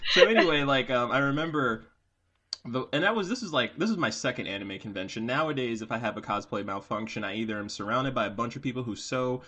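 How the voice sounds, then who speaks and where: A man's voice: medium pitch, fast talker, pushed and bright. A man co-hosting a casual podcast, telling a story in a rambling way with many fillers, restarts and laughs. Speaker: podcast co-host. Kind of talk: casual chat.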